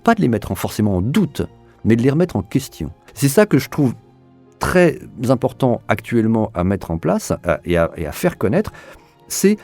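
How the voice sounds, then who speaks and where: Soft music runs under this man's medium-pitched, slightly mellow voice, which has a sing-song lilt and a moderate pace. He's an audio drama director in an interview, replying spontaneously and earnestly, feeling his way forward and frequently repeating words as he searches.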